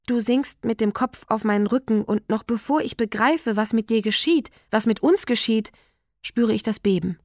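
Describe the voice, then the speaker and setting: A woman narrating a literary text in a quiet, measured, intimate way. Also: a little high, no echo, studio quality. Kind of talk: literary reading.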